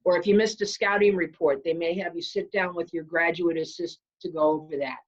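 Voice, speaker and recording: A woman hosts a virtual session for an athletics program, speaking confidently and persuasively. Her voice sits fairly low for a woman. The call audio is muffled and lo-fi. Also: fairly even intonation, a little fast. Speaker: athletics staff host. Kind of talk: virtual info session presenting. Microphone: video call. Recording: dull lo-fi video call audio.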